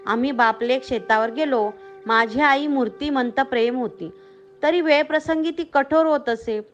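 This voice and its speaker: A woman narrating a story in a steady, measured reading manner. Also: sits high.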